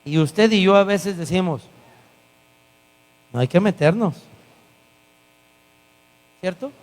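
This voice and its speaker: A male guest pastor with a high-pitched voice preaches slowly in a church hall, where the recording carries long reverb and mains hum. His sermon is animated storytelling in which he acts out the dialogue.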